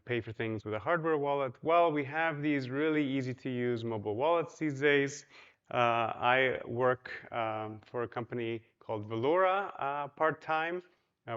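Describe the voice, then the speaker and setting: This Polish conference speaker keeps his talk loose and conversational, with plenty of ums and you-knows and questions aimed at the audience, all in a large hotel ballroom. His voice is medium-pitched, clear, resonant and fairly bright, though the audio's highs are cut off.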